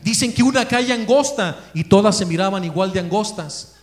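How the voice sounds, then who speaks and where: Man, Mexican accent, high voice, religious talk, lively storytelling, echoey room. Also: a little fast. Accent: Mexican Spanish. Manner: lively storyteller acting out the people he quotes.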